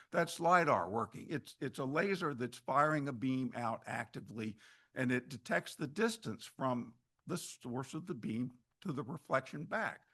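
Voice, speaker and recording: Speaking with a medium pitch and fairly bright tone, a man presents forest ecology slides to an audience at an annual meeting hall. His style is casual and chatty, full of restarted phrases and dry asides.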